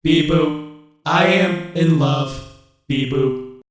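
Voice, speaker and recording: A man voicing a stiff, formal male robot sidekick in a monotone robot voice that says beep boop. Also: on the high side, drawn-out words. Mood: lovestruck. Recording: echoey, loud music behind.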